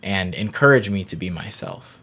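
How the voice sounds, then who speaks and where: A yoga teacher from Barbados in his thirties appears as a guest on a reflective podcast interview, speaking unhurriedly and thoughtfully and often saying "you know." His deep voice is husky, bright and forceful, with plenty of expression.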